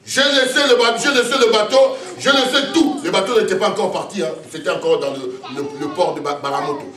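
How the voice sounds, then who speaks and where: A man's voice: high voice, a little fast, fairly bright tone. A man, a pastor giving an emotional testimony sermon, telling his story with many repeated phrases. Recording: echoey room, voice from far off.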